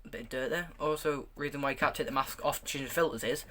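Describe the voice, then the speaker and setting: Bright-voiced man reviewing gear. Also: mid-range voice, fast. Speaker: gas mask reviewer. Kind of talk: casual product review, showing items to camera.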